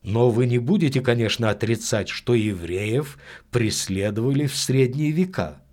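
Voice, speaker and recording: A man doing a hoarse, skeptical investigator. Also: mid-range voice, normal speed, a little mellow, close to an everyday voice.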